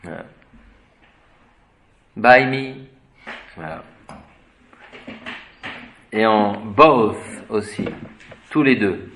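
A man giving an unscripted etymology lesson, spelling words out letter by letter and pausing to search for the right term. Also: fairly low pitch, expressive, fairly bright tone, slight background noise. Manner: hesitant, searches for words with fillers. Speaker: etymology teacher.

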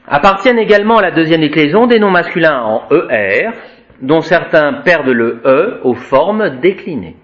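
A man's voice: on the high side, muffled recording. A male teacher giving a Latin grammar lesson, reciting word endings and explaining them to a class. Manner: slow, lively, drawn-out recitation of word forms.

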